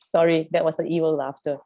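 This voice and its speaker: A woman's voice: lowish voice, dark tone. A woman facilitating a youth program over a video call, speaking emphatically and posing one rhetorical question after another. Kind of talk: animated group coaching.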